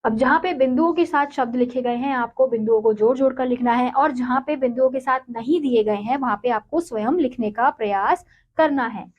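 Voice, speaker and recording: A woman's voice: sits high, fairly quick, darkish tone, dull audio. A woman teaching young children to read and write, patiently sounding out syllables one by one before blending them into words. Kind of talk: slow, syllable-by-syllable children's writing lesson.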